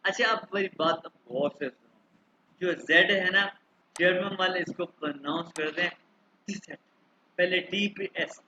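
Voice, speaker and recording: A man teaching German in an online class over a video call, slowly repeating words for his students to drill. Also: high-pitched. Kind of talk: online language lesson. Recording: muffled online call with clear noise.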